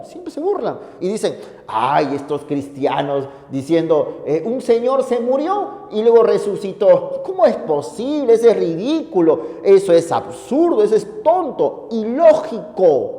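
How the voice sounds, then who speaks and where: A man's voice: a little high, huge pitch swings, brisk, few pauses, dark tone. Man playing a scornful old Tertullian. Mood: mocking. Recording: echoey hall reverb.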